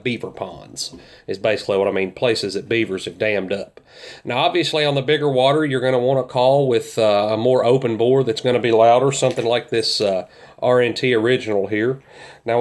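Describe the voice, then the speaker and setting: A man gives informal instruction in a plain-spoken, folksy way as an experienced outdoorsman. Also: mid-range voice. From central Kentucky, United States. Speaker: duck hunter teaching calling techniques.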